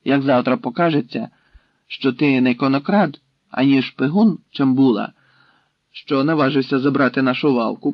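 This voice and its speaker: A man's voice: medium pitch, no echo, lightly acted. A man voicing a stern Cossack leader who questions and threatens a captive in a commanding way, in a dry, slightly dull recording.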